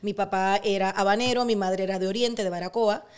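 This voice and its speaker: A middle-aged woman with a Cuban accent, a guest in an interview, telling personal stories in a lively way. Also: medium pitch, brisk, smooth. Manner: animated storyteller who acts out quotes. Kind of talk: casual interview storytelling.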